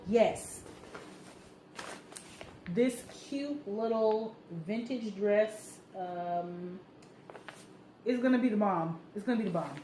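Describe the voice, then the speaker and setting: A woman talking casually in a sewing vlog, chatty, excitable and prone to rambling. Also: medium pitch. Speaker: sewing vlogger. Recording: roomy echo, faint background noise.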